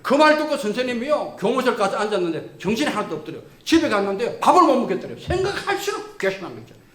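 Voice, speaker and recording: A man giving a lecture, telling stories in a lively way and acting out the people he quotes. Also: extremely high pitch, racing, roomy sound. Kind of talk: storytelling lecture. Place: lecture room.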